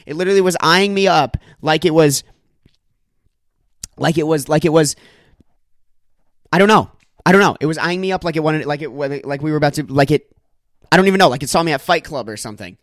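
A man's voice: a little high, no room sound, clean studio sound. A young man hosting a solo comedy podcast, doing exaggerated mock-angry rants laced with swearing. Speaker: podcast host.

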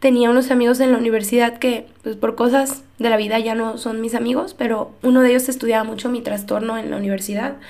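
Young woman, high voice, earnest personal testimony with pauses. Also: level tone. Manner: earnest, emotional storytelling with pauses and soft laughs. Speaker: speaker giving a faith testimony.

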